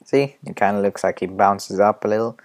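A man giving a casual screen-recorded animation tutorial, rambling and hesitant, often muttering quiet asides to himself. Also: lowish voice, brisk.

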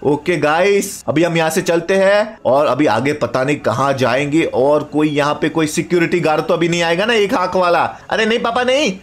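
A man's voice: on the high side, moderate pace, few pauses. Man giving jokey gameplay commentary. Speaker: gaming video host.

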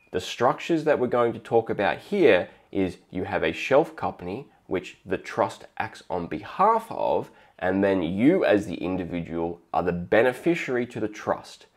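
Lowish-voiced Australian man explaining finance. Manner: steady explanatory, acts out little dialogues. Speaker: finance video host. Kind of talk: explainer monologue.

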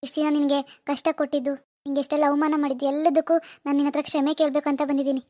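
A woman's voice: high-pitched, flat delivery, rapid-fire, darkish tone, no echo, clean studio sound, close to an everyday voice. A woman playing a remorseful middle-aged mother-in-law who earnestly begs her daughter-in-law's forgiveness in a homemade family drama skit. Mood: pleading. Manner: earnest, pleading, apologetic.

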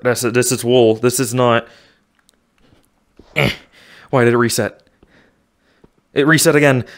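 A man's voice: medium pitch, flat delivery, a little slow. A young man commentating his own VR gameplay, out of breath, narrating every move and muttering to himself. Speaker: gaming YouTuber. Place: home room with desk.

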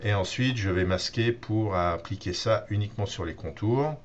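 A man giving a relaxed software tutorial on photo editing, explaining step by step with many fillers and restarts. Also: on the low side, normal speed, a little hiss or hum. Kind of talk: screen-recorded software tutorial.

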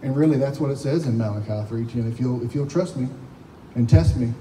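A man, a pastor telling a lively testimony story to his church, laughing often as he talks. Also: mid-range voice, a little fast, a little hiss or hum. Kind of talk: sermon testimony. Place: church sanctuary. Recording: echoey hall, from far off.

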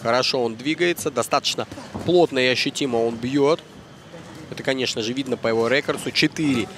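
A man giving live boxing commentary in short, halting phrases with repeats. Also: mid-range voice, fairly bright tone, a little hiss or hum.

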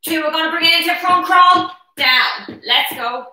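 At a moderate pace, a bright, high-voiced aerobics instructor counts reps aloud in brief cues, keeping her live chair-exercise class energized and encouraged. She's filmed in a brick-walled living room at home by a camera a few metres off, which gives the recording an echoey, roomy quality.

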